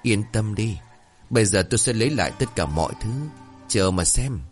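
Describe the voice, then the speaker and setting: A man's voice: on the low side, expressive, normal speed, faint music behind, close to an everyday voice. A man voicing a taunting ghost of a young wife. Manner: cold, taunting.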